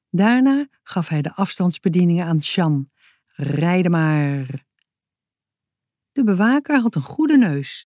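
A woman reads a children's story aloud, very slowly and calmly, in a low, mellow voice. The recording is dry and close, with no room sound. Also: dry recording. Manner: calm, measured storytelling. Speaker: narrator. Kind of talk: reading a children's book aloud.

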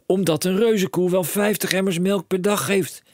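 Storybook dad voiced by a man: high, yelling, manic, lively swings, dry close sound. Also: moderate pace, dry recording. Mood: overexcited. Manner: shouting, breathless overexcited rants. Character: excitable bellowing middle-aged father, inventor-mad. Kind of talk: audiobook character voice.

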